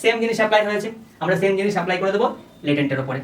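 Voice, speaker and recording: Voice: mid-range voice, lively intonation, very fast, reverberant, far from the mic, low-quality recording. A teacher gives an exam-prep lecture. They explain step by step and keep checking that the class follows. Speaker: coaching teacher.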